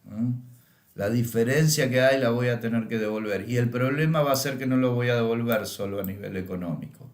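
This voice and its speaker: Man, Rioplatense Spanish accent, middle-aged, astrology teacher, lecture with anecdotes, mid-pitched voice, reverberant room. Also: fairly quick. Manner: tags lines with questioning "¿m?" and "¿eh?".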